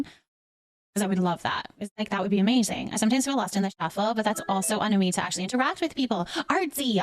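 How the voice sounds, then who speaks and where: A Canadian woman hosts a casual livestream, reading viewers' comments aloud and answering them warmly, calling listeners by endearments and cheering them on. Her voice sits in the mid-range, and the recording is dry.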